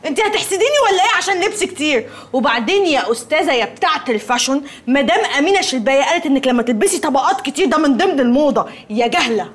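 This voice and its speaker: An actress with an Egyptian accent playing a bossy, sharp-tongued young woman in a sitcom, bickering sarcastically. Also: sits high, lively intonation, racing. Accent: Egyptian Arabic. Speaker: sitcom character. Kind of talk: sitcom acting.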